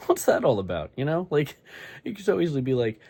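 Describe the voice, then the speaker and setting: A man's voice: on the high side, big pitch swings, fairly quick, dark tone. A young man talking casually to camera at home, rambling and sarcastic as he jumps between topics. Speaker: vlogger. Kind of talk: casual comedic monologue. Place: small bedroom with acoustic foam.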